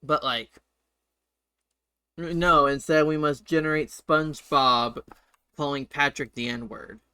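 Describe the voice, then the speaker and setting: A man hosting a casual live-stream interview, relaxed and blunt with some joking. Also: fairly high pitch, takes it slowly, clean tone, no room sound. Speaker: host.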